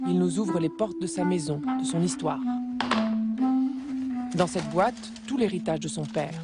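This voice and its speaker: A woman reading scripted documentary news narration in a measured, even way. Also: lowish voice. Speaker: reporter narrator. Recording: voice-over with loud guitar music.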